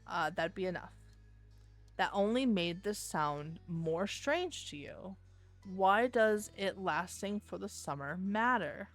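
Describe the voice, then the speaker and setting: A woman streamer reading a visual novel aloud and thinking out loud between lines in a chatty way. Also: mid-range voice, lively intonation, slow, faint music behind.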